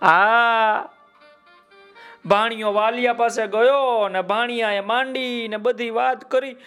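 A man telling a children's folk tale, lively and speaking straight to his listener. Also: very high-pitched, takes it slowly, clean tone, faint music behind. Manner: lively, addresses the listener directly. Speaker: storyteller.

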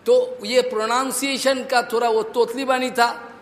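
High-voiced man preaching in an echoey hall. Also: little pitch movement, measured pace. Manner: rhetorical check-ins with listeners; mixes in English words. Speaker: monk preacher. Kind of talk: devotional sermon storytelling.

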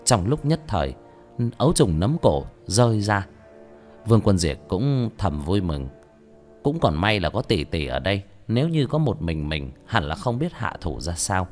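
A man narrating a fantasy novel as an audiobook, in steady storytelling that rises on action. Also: sits low, normal speed, faint music behind.

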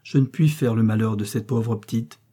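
A man's voice: mid-range voice, normal speed, dark tone, breathy edge, lightly acted. A man reading an audiobook, voicing a frightened, guilt-ridden noblewoman who pleads and murmurs hesitantly. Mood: pleading, fearful.

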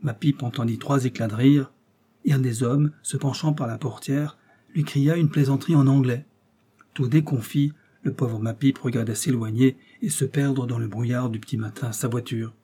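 Dark, husky male audiobook narrator. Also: medium pitch. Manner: steady, measured reading.

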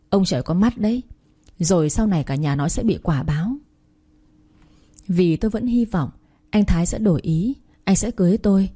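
A woman's voice: lowish voice, mellow, husky. A young woman from Thanh Hóa narrating a sad story in the first person, in a plaintive, emotional way. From Thanh Hóa, Vietnam.

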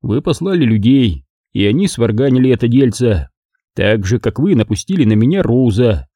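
Man as blunt storybook detective, pressing, accusatory, very dark mellow voice, dry sound. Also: mid-range voice, very animated, normal speed, no echo. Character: persistent, blunt middle-aged male detective. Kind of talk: audiobook character reading.

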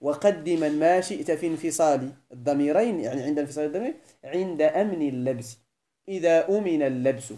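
Speaking fast in a mellow voice on the high side, a Moroccan-accented Islamic scholar teaches Arabic grammar. He alternates classical Arabic with Moroccan dialect and often checks in to confirm his students are keeping up.

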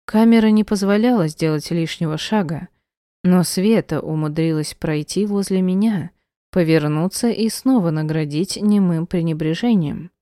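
A woman narrating a first-person audiobook in a measured, tense storytelling manner on a close mic. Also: lowish voice, warm tone, dry recording.

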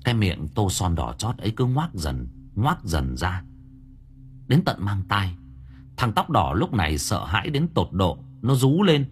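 A man's voice: low-pitched, big pitch swings, a little slow, a little hiss or hum. A man narrating a horror story for an audiobook, telling it vividly and dramatically.

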